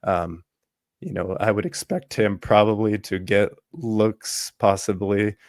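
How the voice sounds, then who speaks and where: Low, flat-voiced man hosting a podcast. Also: no room sound. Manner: halting, many ums and restarts. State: losing his voice from allergies. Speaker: podcast host. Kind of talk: casual sports podcast talk.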